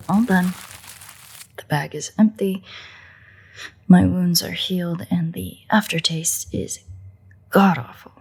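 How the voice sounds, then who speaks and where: In a roleplay audio drama, a woman voices a sardonic female vampire, speaking close and intimately in a full character voice that is slightly low, breathy-husky and heavy with gravelly creak. She's dry, teasing and mocking, with grudging exasperation, a crude edge and a disgusted mood.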